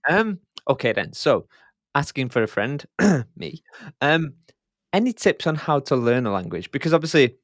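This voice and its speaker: A man's voice: medium pitch, big pitch swings, normal speed, no room sound. A man hosts a casual podcast, asking questions in a chatty, joking way and poking fun at himself. His mid-range voice sits close and dry on the mic. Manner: chatty, jokey, self-deprecating. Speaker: podcast host. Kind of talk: casual conversational interview.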